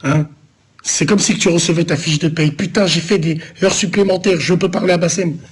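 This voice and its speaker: Male streamer from Lyon, husky tone, slangy, rambling, teases his chat. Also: a little high, fairly even intonation, brisk. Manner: loose, rambling street slang, teasing chat. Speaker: live streamer answering viewers. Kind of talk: casual live-stream chat.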